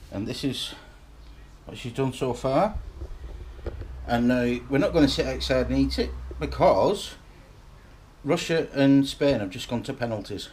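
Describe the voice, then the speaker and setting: A middle-aged vlogger from the north east of Scotland rambles chattily to a handheld camera held at arm's length, filming himself as he talks about his day at home in the living room and outdoors in a parked car. His Scottish-accented voice is mid-range and slightly mellow, with a little background noise.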